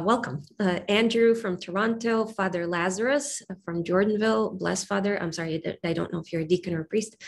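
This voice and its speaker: A woman hosts a live webinar over a video call while getting over covid. Her speech halts and restarts, full of fillers as she reads out names and plugs a website. Her voice sits at an ordinary middle pitch. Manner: halting, many fillers and restarts. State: recovering from covid, brain fog. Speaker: webinar host.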